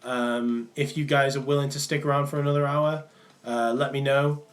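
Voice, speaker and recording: Here a young man from England's Manchester area hosts a casual live stream in a small indoor room, answering chat with plenty of ums and restarts. He speaks at a moderate pace with a flat, mid-range voice, and his Mancunian accent, partly worn off, comes and goes.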